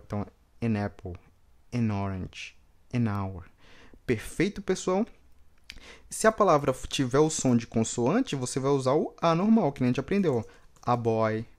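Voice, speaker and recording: Brazilian guy teaching english online, middle pitch, lively, repeats every example, keeps checking in with viewers. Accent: Brazilian Portuguese. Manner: lively, stressing words with sudden upward pitch. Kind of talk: online English lesson for Portuguese speakers.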